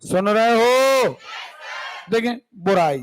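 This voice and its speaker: A man's voice: high-pitched, expressive, slow pace, a faint crowd, poor audio. A man teaching a grammar lesson in a classroom, drilling word lists and often checking whether his students understand. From India.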